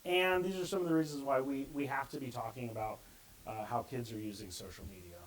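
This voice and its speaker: A man's voice: mid-range voice, fairly quick, a little hiss or hum, poor audio. A middle-aged man giving a conversational conference talk and acting out the quotes he reads. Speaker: conference speaker.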